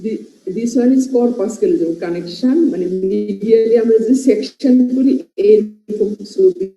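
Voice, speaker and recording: Bangladeshi lady teaching med class, slow, very dark mellow voice, echoey muffled room. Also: on the high side, vocal fry. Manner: explains by listing terms and checking in with "right?". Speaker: medical lecturer. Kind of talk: classroom lecture mixing Bengali and English.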